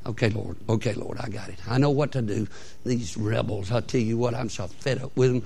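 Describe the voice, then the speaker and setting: A male preacher voicing a fed-up old male prophet who mutters low and exasperated. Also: fairly quick, vocal fry, darkish tone, breathy edge.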